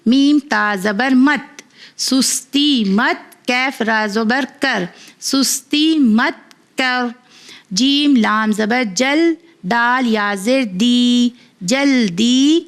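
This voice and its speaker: Woman teacher, fairly high voice, slow drawn-out spelling, brisk explanations, children's reading lesson. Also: smooth.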